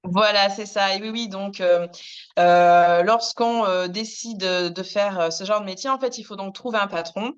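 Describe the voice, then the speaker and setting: A woman in her thirties, a hairdresser, recounting her career in a hesitant interview, with many pauses and restarts. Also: mid-range voice, clean tone, highs cut off. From France. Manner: many fillers and restarts, soft laughs. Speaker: hairdresser and business founder, interviewee. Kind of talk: hesitant personal storytelling.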